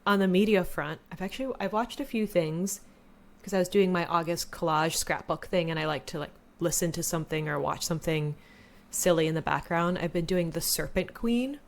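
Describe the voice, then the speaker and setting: Woman, thirties, podcast co-host, lowish voice, loose filler-heavy chat. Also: a little fast, vocal fry. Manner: chatty, lots of "like" fillers. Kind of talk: casual chat.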